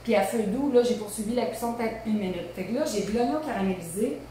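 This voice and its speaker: A woman's voice: medium pitch, quick pace. A woman in her thirties with a Québécois accent, hosting a casual live cooking demo from her home kitchen, chatty and informal with many asides. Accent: Québécois French. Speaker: cooking show host. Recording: very echoey room, faint hum.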